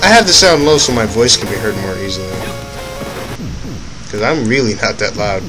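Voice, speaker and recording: A young man with a fairly low, expressive voice narrates his own gameplay at a moderate pace, rambling, self-correcting mid-sentence and dropping offhand asides. He is a let's play commentator; the audio is poor and game music plays loudly behind him.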